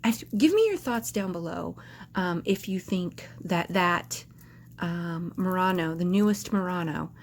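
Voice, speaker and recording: A woman's voice: lowish voice, lively intonation, unhurried, a little hiss or hum. A woman vlogging casually to camera, rambling and hesitant, with lots of filler words and restarts.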